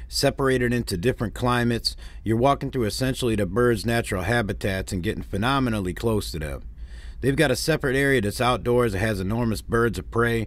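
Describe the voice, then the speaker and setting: A man's voice: mid-range voice, no echo. A man from Detroit narrating a family road-trip vlog in a plainspoken, wry way, with dry complaints. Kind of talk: narrated travel recap.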